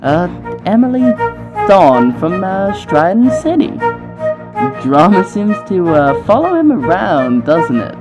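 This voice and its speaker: A reader of their own storybook, voicing a shy teenage girl trainer in a high, hesitant voice. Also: very animated, slow, over music. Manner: hesitant, humble.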